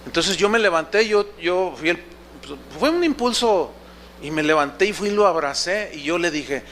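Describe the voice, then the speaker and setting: High, bright-voiced middle-aged male pastor. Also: lively intonation, normal speed, slight background noise. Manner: emotional storytelling with frequent restarts. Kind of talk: sermon.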